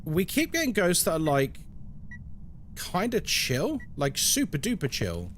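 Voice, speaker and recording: A man streams a game and chats casually with his viewers. His voice sits a little high and swings widely as he talks, with a tongue-in-cheek, bantering manner. Faint noise runs behind him. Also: wildly swooping pitch, measured pace, fairly bright tone.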